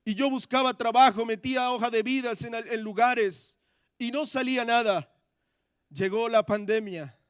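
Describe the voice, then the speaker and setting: A man giving a testimony in a church sermon, moving between quiet, hushed prayer and loud, impassioned pleas. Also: very high voice, moderate pace, smooth, no room sound, clean studio sound.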